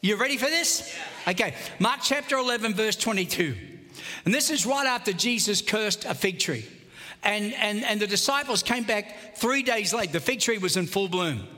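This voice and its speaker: A man preaching a sermon as a pastor, reading scripture with animated emphasis. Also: sits high, normal speed. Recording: reverberant large hall.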